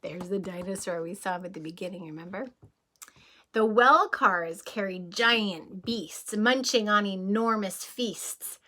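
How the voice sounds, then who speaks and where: A kindergarten teacher with a medium-pitched voice reads a rhyming picture book aloud. She goes slowly in a sing-song way and pauses to ask the children gentle questions.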